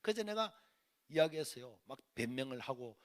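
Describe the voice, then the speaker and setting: A man preaching a revival sermon in a Gyeongsang dialect, telling a lively personal story and acting out family quarrels. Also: medium pitch, fairly quick. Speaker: pastor. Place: church sanctuary.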